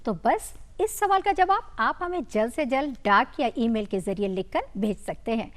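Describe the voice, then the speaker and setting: A woman's voice: on the high side, lively intonation, normal speed. A woman hosting a TV health show, speaking in a polite, formal presenter's manner. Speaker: TV show host. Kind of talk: broadcast hosting.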